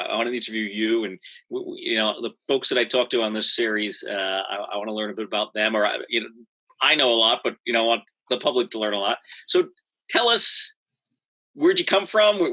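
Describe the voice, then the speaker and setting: A man hosting a casual interview chat, halting and jokey, often repeating his words. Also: medium pitch, pushed and bright. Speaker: host.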